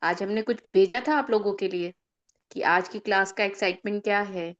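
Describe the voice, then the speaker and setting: A woman's voice: mid-range voice, steady tone, normal speed, a bit bright. A woman teacher addressing an online class in an upbeat way. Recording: muffled video call audio.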